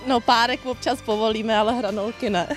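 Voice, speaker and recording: A woman's voice: a little high, steady tone, soft background music. A woman visiting a farm fair outdoors, chatting casually with an interviewer.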